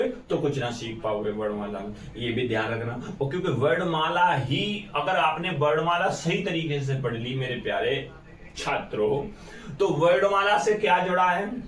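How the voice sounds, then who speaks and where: A man's voice: fairly high pitch, fairly bright tone. A male teacher giving an exam-prep lesson, asking his students questions and then answering them himself. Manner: call-and-response questioning. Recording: echoey room, far from mic.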